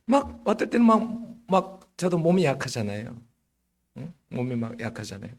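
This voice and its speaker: A middle-aged man preaching a sermon as pastor, slightly hoarse, telling stories in a lively way and often checking in with the congregation. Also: mid-range voice, moderate pace. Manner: lively storytelling with frequent rhetorical "응?".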